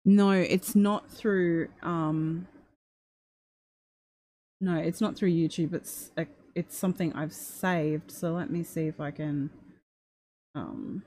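A woman's voice: low-pitched, fairly even intonation, takes it slowly, pauses often, warm tone, dry recording. Hesitant woman thinking aloud, dry close sound. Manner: hesitant, puzzling over words. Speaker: streamer transcribing a recording.

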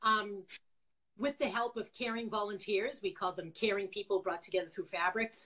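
A woman's voice: medium pitch, fairly even intonation, fairly quick, sharp tone, low-quality recording. A talkative middle-aged woman with a Boston accent, chatting casually as an interview guest and telling her own story. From Quincy, Massachusetts, USA. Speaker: interview guest, former nonprofit founder. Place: indoors, on a video call.

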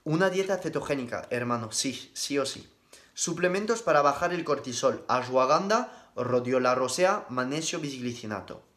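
A young man, a nutrition coach answering viewer questions on a live stream in brisk, matter-of-fact replies with casual slang. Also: medium pitch, animated, fairly bright tone.

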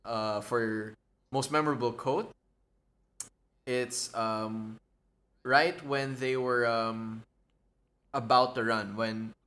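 Co-host, man in his twenties, bright tone, reflective chat that acts out quotes. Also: mid-range voice, fairly even intonation, takes it slowly, pauses often. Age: 20s. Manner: thoughtful, acts out quoted lines. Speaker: podcast co-host. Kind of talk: casual chat reviewing a drama.

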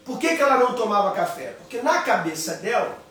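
Male pastor, fairly high voice, storytelling sermon, echoey room from a distance. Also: big pitch swings, fast, pushed and bright, a little hiss or hum. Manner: storytelling, repeats phrases for emphasis. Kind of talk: sermon with personal stories. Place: home office. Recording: echoey room, voice from afar, faint ambience.

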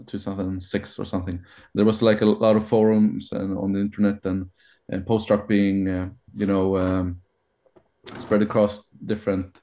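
A man guesting on a podcast, talking about his band in a hesitant, unhurried way with many fillers and restarts. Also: fairly low pitch, mellow. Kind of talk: casual interview answers.

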